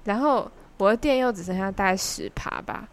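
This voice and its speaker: A young woman with a Taiwanese Mandarin accent, hosting a podcast and telling a story in an animated, chatty, giggly way. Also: mid-range voice, normal speed. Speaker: podcast host. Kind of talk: casual storytelling chat.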